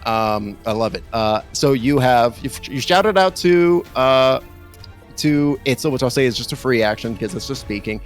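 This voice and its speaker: A man's voice: medium pitch, expressive, moderate pace, soft background music. Enthusiastic man running a tabletop game. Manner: enthusiastic, rambling with many fillers. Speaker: game master.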